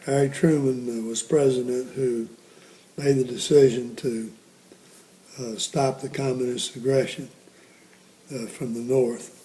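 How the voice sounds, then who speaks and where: Elderly American male veteran for reminiscence interview; very soft-edged, mellow tone, halting and reflective delivery. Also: medium pitch, little pitch movement, slight background noise, poor audio. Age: 80s or older. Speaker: Korean War veteran being interviewed.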